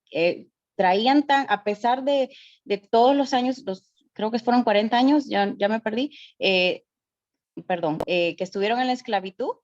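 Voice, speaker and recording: A woman student asking her teacher a question in an online class, hesitant and pausing often to rethink her words. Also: medium pitch, a little mellow, no room sound, lo-fi sound. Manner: hesitant, many fillers and restarts. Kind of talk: class question over a call.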